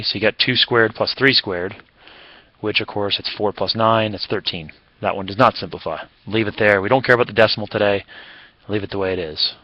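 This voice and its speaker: A man's voice: on the low side, pushed and bright, dry recording, rough recording. A man teaching a recorded math lesson in a casual, chatty way, with fillers and self-corrections.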